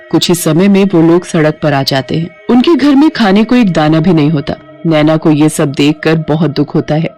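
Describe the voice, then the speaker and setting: A woman giving scripted narration for a cartoon ghost story in an even, storytelling manner. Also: sits low.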